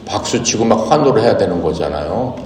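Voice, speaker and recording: A low-voiced man reads scripture and then explains it in a teaching sermon, putting questions to his listeners. He sounds set back from the mic in a large echoing hall with a long tail of reverb. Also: lively intonation, brisk, darkish tone, a little hiss or hum. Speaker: pastor. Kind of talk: Bible reading and sermon. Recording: echoey hall, voice from far off.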